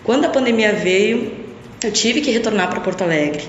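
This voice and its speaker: A woman's voice: mid-range voice, animated, normal speed, slight background noise. Young brazilian woman guest, thoughtful, keeps tagging questions on, roomy dull recording. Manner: reflective, with frequent tag questions. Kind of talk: casual interview talk. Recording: echoey long-reverb lo-fi room.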